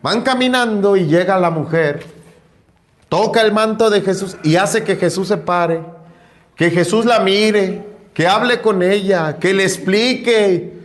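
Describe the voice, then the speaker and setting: Pastor telling an animated sermon story. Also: male voice, high-pitched, a little slow. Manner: animated storytelling with sound effects.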